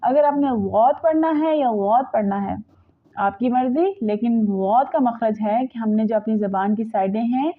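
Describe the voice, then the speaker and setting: A woman teaching tajweed, switching between slow, drawn-out recitation and quick explanations. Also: fairly high pitch. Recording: tinny phone-like audio.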